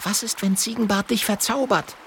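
A man voicing a caring, sensible young porcupine girl in a children's audiobook, talking high and earnestly. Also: fairly even intonation, moderate pace, creaky, a bit bright, a little hiss or hum. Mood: concerned.

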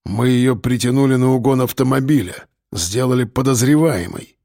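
A man voicing a stubborn, restrained male bodyguard who speaks low and tersely. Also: normal speed, vocal fry, mellow, no room sound, studio quality, lightly acted. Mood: grim.

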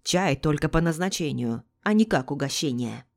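A woman's voice: low voice, animated, normal speed, vocal fry. A woman voicing a stern older male doctor who speaks icily and commands. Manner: icy, commanding.

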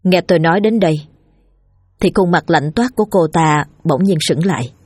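A woman narrating a scripted horror story in a steady, tense storytelling manner. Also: lowish voice, moderate pace, slightly rough, dry recording. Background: faint music.

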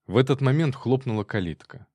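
A man narrating a story in an expressive audiobook reading. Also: mid-range voice, a little fast, dry recording.

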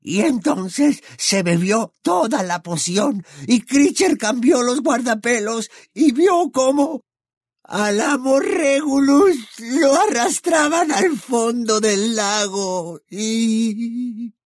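A tormented old house-elf who weeps as he speaks, breaking off mid-word and stammering. The voice sits higher than an ordinary man's and crawls along very slowly. It is recorded dry and close, like an audiobook. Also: lively intonation, a bit bright, dry recording, heavily acted. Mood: sobbing grief. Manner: sobbing, halting, stammering. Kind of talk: audiobook character voice.

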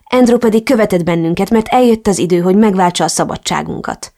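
A woman narrating a first-person romance audiobook in an expressive, emotional way. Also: mid-range voice.

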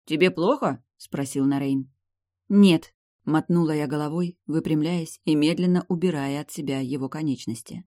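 A woman reading a first-person novel aloud as an audiobook narrator, steady and expressive. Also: sits low, normal speed, hardly any pauses, no room sound, studio quality.

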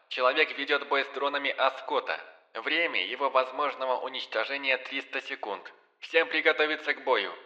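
A man voicing a commanding male amphibian sea-creature leader who barks clipped military orders over a radio-like loudspeaker announcement. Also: medium pitch, voice pushed up. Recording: dull lo-fi sound.

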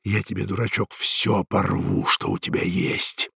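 A man's voice: medium pitch, big pitch swings, slow, creaky, slightly rough, no echo, clean studio sound, exaggerated voice. A man voicing an aggressive, foul-mouthed young woman with a coarse, mocking, menacing manner for an audiobook. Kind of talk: audiobook dialogue.

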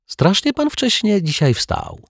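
A man's voice: high-pitched, huge pitch swings, measured pace, gravelly, slightly rough, no room sound, clean studio sound, pitched above the performer's own voice, heavily acted. A man voicing an anxious, earnest male detective who talks in a startled, stammering way, in a storybook.

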